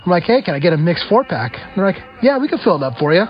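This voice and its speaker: A man's recorded voice message plays with dull, muffled, lo-fi sound and faint music underneath. His voice sits a little high. He chats in a relaxed, friendly way as a listener calling in, with frequent "uh" pauses. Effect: recorded voice message played on the show. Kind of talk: casual chatty voicemail.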